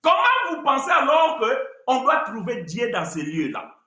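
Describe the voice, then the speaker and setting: Male preacher, sermon, high voice, bright tone, echoey room. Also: normal speed. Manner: animated, mimicking worshippers with shouts and laughter.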